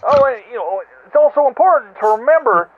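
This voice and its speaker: A man's voice: extremely high pitch, lively intonation, quick pace. A man leaving a rambling comic voicemail over a landline phone, chatty and full of asides. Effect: heard over a landline phone voicemail. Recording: tinny phone line.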